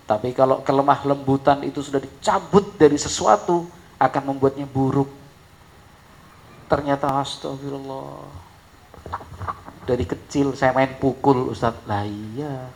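A man preaching a sermon, telling stories with lively shifts of voice and acting out an angry father. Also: measured pace, gravelly, pauses often, slight background noise, low-quality recording. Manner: animated storytelling, acting out an angry father in high shouts.

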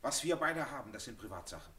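A composed, lively-voiced gentleman. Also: medium pitch, fast talker. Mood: soothing, aloof. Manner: soothing, then cool and formal. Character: composed gentleman tenant, calming and aloof.

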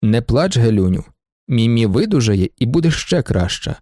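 A man reading aloud and voicing a calm, decisive middle-aged merchant. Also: medium pitch, brisk, dry recording, clean studio sound. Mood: firm. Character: calm, firm male shopkeeper, middle-aged.

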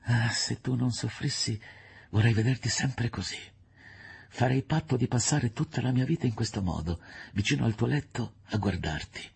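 A man reading an audiobook, voicing a sickly, passionate woman in love with a husky, gravelly voice and pleading, breathy delivery. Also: mid-range voice, normal speed, darkish tone, pitched above the performer's own voice. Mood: longing.

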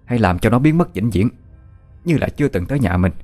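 A man's voice: mid-range voice, animated, a little fast, darkish tone, soft background music, natural voice. A man voicing a cruel scheming village mother. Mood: cold commanding. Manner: harsh, commanding.

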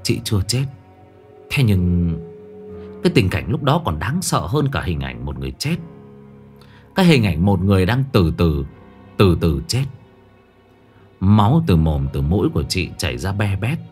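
Deep-voiced man telling a horror story. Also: big pitch swings, moderate pace, pauses often, a little mellow. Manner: dramatic, tense storytelling. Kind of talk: scripted first-person horror narration. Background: faint music.

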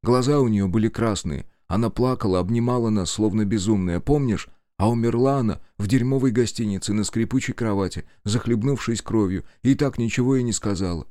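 A man's voice: lowish voice, a little fast, hardly any pauses, warm tone, dry recording, studio quality, lightly acted. A man voicing a nasal, guilt-ridden young man in an audiobook. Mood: brooding.

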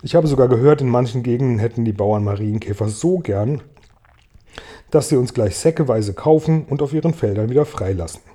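A man's voice: mid-range voice, a little fast, warm tone, close to an everyday voice. A man voicing a polite, snobbish female ladybug in an audiobook reading. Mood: prim. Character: genteel, proud female ladybug.

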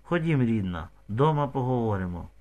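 A man's voice: medium pitch, animated, moderate pace, dark tone, natural voice. A man reading the lines of an anxious, loving village mother in an audiobook, with emotional exclamations. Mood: tender.

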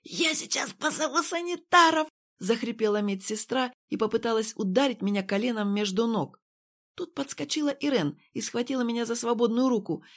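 Audiobook reader, woman, steady first-person narration. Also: fairly high pitch, brisk. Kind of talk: scripted narration.

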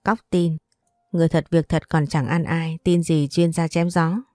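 A woman's voice: low-pitched, fairly even intonation, moderate pace, dark tone, dry recording, soft background music, natural voice. A woman voicing a protective young man who talks in a blunt, teasing way in a storybook. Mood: sharp teasing.

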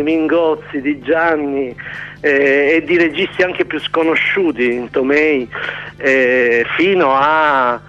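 A man's voice: a little high, fairly bright tone. Man on a muffled phone line. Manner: rambling, many hesitant fillers. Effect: heard over the phone. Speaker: documentary director, phone-in guest. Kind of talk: casual radio interview by phone. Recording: dull lo-fi phone line, faint music.

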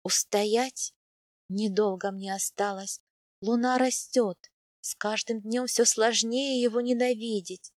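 A woman reading a first-person novel aloud in an even, intimate storytelling manner. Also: a little high, takes it slowly, no echo, clean studio sound. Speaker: audiobook narrator. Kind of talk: first-person scripted narration.

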